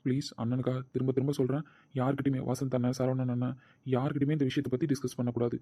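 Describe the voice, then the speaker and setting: Man playing a protective older brother, mellow. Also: mid-range voice, flat delivery, fast, no room sound, natural voice. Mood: coaxing. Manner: coaxing, reassuring, brooding when alone. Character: caring older brother and husband, troubled and protective.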